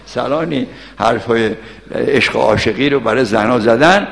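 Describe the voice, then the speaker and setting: A man's voice: mid-range voice, vocal fry. A man giving a casual sermon explaining scripture, mixing recited Arabic verses with everyday colloquial talk and asking the audience questions. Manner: switches between Arabic verse recitation and casual street Persian; asks the audience questions and answers himself. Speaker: Quran teacher. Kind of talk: colloquial Quran exegesis sermon. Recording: long echoey hall reverb.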